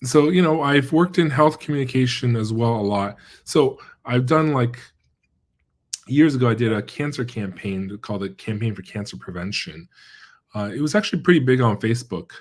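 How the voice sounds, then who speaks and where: Born in China and brought up in the American Midwest and central Pennsylvania, a middle-aged epidemiologist chats informally as an interview guest. He hesitates, using many fillers and restarting often, at a normal speed with medium pitch and lively intonation.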